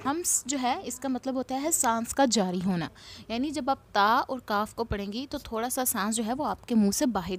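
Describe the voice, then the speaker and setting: A woman's voice: a little high, a little hiss or hum. A woman teaching Quran recitation rules, patiently spelling out letter sounds one at a time and repeating them for drills. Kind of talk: slow, deliberate tajweed lesson with drills.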